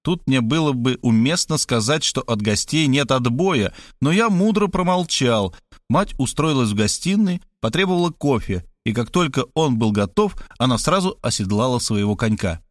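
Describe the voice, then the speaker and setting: A man reading a first-person audiobook with a wry, expressive delivery. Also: medium pitch, moderate pace, no echo, clean studio sound. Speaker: audiobook narrator.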